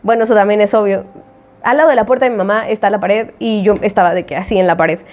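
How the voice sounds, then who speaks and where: A woman's voice: medium pitch, fairly even intonation, quick pace, darkish tone. A young woman with a Mexican Spanish accent telling a story in a chatty, slangy way and acting out her own reactions. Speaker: indie game developer and vlogger. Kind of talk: casual storytelling.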